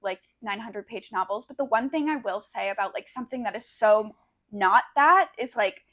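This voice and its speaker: A young woman co-hosts a casual conversational podcast, rambling in a slangy way and hedging constantly with "like." Her voice is a little high, expressive and a bit bright, at a normal speed.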